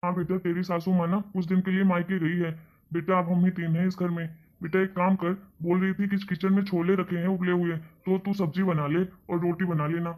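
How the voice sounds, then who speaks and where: A man's voice: sits high, little pitch movement, brisk, narrow, tinny audio, close to an everyday voice. A man voicing a grumpy older father in a cartoon story, grumbling and scolding. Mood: weary. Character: grumpy older father, husband of the mother-in-law. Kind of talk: cartoon voice acting.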